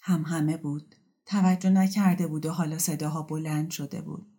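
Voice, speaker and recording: A woman reading a story aloud in a calm, even narration. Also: deep voice, slightly rough. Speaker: story reader.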